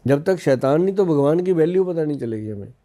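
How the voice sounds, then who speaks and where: A man's voice: a little high, expressive, quick pace, dark tone. A man from India in his fifties, an Ayurvedic expert on a podcast, explaining in a folksy way with personal anecdotes. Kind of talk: casual podcast interview.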